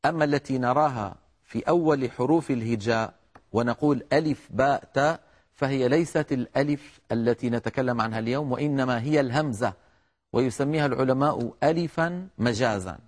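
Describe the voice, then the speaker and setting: A middle-aged man teaching the articulation of letters in a measured, explanatory lecture, addressing his listeners as brothers. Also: medium pitch. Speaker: Quran recitation teacher.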